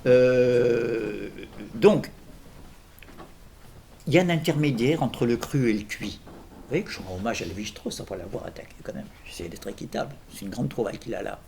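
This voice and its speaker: A man's voice: mid-range voice, expressive, moderate pace, vocal fry, darkish tone, a little hiss or hum. A man lecturing on philosophy in an informal workshop, digressing with jokes and questions to his audience.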